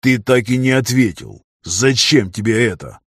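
A man voicing a stern, mocking male master of arena fighters, speaking slowly and seriously in an audiobook. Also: mid-range voice, slightly rough, dry recording, clean studio sound. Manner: stern and slow, with a scoffing edge.

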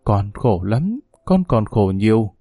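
A wounded, meek young daughter in a storybook reading, as a man narrator puts her on. She talks in a small, hushed voice that stays mellow and dark. Faint music sits behind her. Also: fairly low pitch, very animated, takes it slowly, no room sound, heavily acted. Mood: sorrowful.

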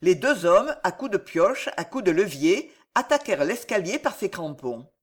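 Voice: medium pitch, very animated, moderate pace. An audiobook narrator reading a historical adventure novel in a dramatic, rhythmic way.

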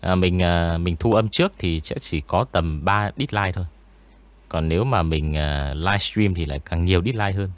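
A man's voice: deep voice, normal speed, no room sound. A man who narrates ghost stories, chatting casually in an interview with many fillers. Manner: relaxed, rambling, many fillers.

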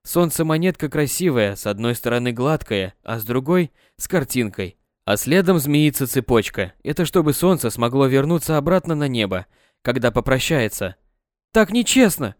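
A man narrating an audiobook with an expressive reading on a close mic. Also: mid-range voice, moderate pace, dry recording.

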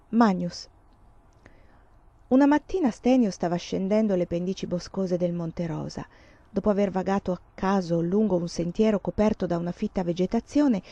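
A woman narrating a nineteenth-century novel as an audiobook, with a measured, expressive reading. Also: on the low side, no room sound, highs cut off. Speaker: audiobook reader.

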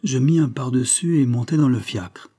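A man narrating a story in a measured, literary way as an audiobook reader. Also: medium pitch, warm tone.

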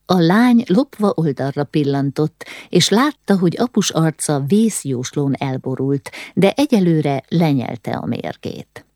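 A woman narrating a historical novel as an audiobook in an even storytelling delivery. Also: sits low, hardly any pauses, dry recording, studio quality.

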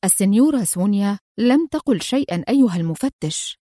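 A woman voicing a calm, stern male crime boss in a read-aloud spy story. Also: medium pitch, quick pace, no room sound, clean studio sound, close to an everyday voice. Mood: stern grave. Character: grave, commanding older male crime boss.

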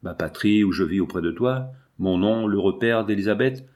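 A man's voice: lowish voice, moderate pace, a little mellow, natural voice. A man reading the lines of an older exiled father, grave and overcome with emotion, in an audiobook. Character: older exiled father, proud yet deeply moved.

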